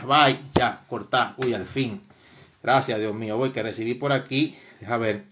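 A man's voice: mid-range voice, fairly even intonation, normal speed, background noise. A man hosting a live stream, casually commenting in a mocking, laughing way, with frequent exclamations.

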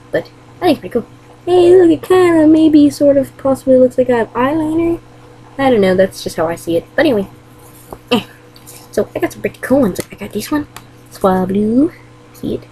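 Girl doing a show-off young plumber guy bragging about his cards, rambly, high voice that jumps all over, faint hum behind. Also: warm tone, rough recording. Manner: chatty, bragging, rambling with fillers. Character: boastful young male plumber, card-collecting show-off. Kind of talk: homemade toy comedy skit.

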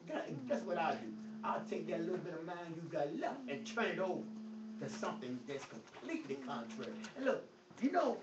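At a Bible study in a church hall, a high-voiced pastor preaches emphatically, his volume jumping from loud bursts to quiet; he speaks with a stutter and mentions it himself. A phone across the echoey room captured him, so the lo-fi audio is distant, dull and faint with slight hiss.

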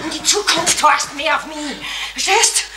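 An actress playing a scolding, bossy village innkeeper in a 1970s radio drama. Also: female voice, high voice, lightly acted. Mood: urgent. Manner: scolding, bossy, quick to shout. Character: sharp-tongued village innkeeper woman. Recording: echoey, hissy 1970s radio play.

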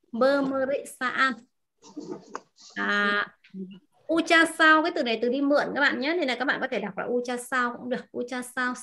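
A woman teaching a language class, repeating words slowly and asking her students questions. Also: sits high, gravelly, pushed and bright, a little hiss or hum. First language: Vietnamese. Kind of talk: explaining vocabulary to a class.

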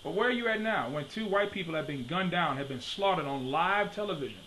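A Detroit man in his thirties delivers an expressive, preaching-style commentary into a desk webcam in his home study, talking a little fast. His slightly high voice is bright and forceful, and he repeats his questions for emphasis. The audio is poor, with a faint hiss running under his speech.

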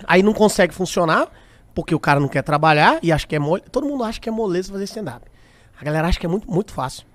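A man's voice: sits high, animated, racing. A young man from Brazil, a stand-up comedian guest on a podcast, telling stories animatedly, acting out quoted lines and swearing freely. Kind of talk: casual podcast chat.

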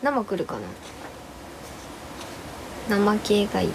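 A hoarse young woman chatting casually on a live stream, bubbly and playful as she thanks viewers for gifts. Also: medium pitch, animated, background noise. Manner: playful exclamations and cute drawn-out reactions. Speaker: live streamer, former idol.

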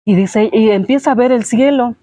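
A woman retells a fairy tale in a relaxed, homely way, full of little fillers and restarts. Her voice sits a little high and the sound is close and dry. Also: moderate pace, no echo. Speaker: host retelling a story. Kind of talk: casual storytelling.

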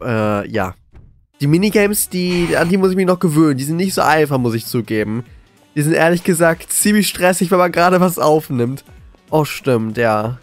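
A man commentating live on a horror game as a scared, jittery streamer, excitable and often repeating words. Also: medium pitch. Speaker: gaming video creator.

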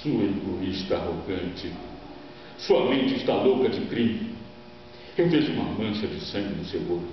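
A man's voice: sits low, lively intonation, measured pace. A man plays a stern old elder of Greek tragedy. He declaims in a solemn, theatrical, condemning way. The recording is distant and dull, with long reverb. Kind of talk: dramatic stage reading of Greek tragedy. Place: large classroom or lecture room, indoors. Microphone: far camera microphone. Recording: echoey hall, distant mic, dull sound, hum.

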